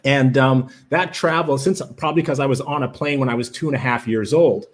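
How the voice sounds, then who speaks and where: Hosting a live webinar, a Jamaican-born man raised in Canada speaks briskly in a medium-pitched voice with a Canadian accent. Full of enthusiasm and fillers, he greets people from the chat as the livestream presenter.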